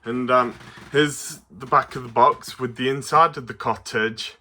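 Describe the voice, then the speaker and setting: At a medium pitch, a man delivers an informal toy review to camera. He's playful and eager like a kids' show presenter, yet his delivery often stumbles and hesitates.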